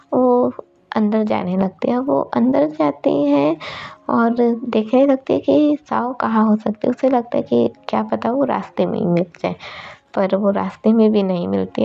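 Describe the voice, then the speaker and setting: A woman casually narrating fan fiction in a relaxed retelling style, mixing in English words. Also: on the high side, creaky. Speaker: storyteller. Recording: dull lo-fi recording.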